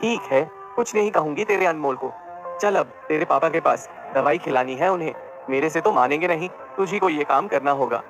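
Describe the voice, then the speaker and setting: Loving older mom type, guy narrator does her, soft scolding, gravelly. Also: a little high, normal speed, music in the background. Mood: tender. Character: gentle caring older mother-in-law woman.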